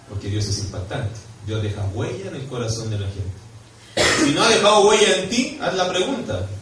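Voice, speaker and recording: Chilean male pastor, lively sermon delivery, questions the flock, recorded from afar in a reverberant church with faint hiss. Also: fairly low pitch. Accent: Chilean Spanish. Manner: animated, swings from quiet to loud and emphatic; questions and prompts the congregation directly. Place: church hall. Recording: echoey church hall, mic far off.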